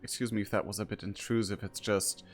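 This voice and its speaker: A man's voice: on the low side, fairly even intonation, fast talker, soft background music. A man playing a tabletop role-playing game, talking hesitantly with many ums and apologies. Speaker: player.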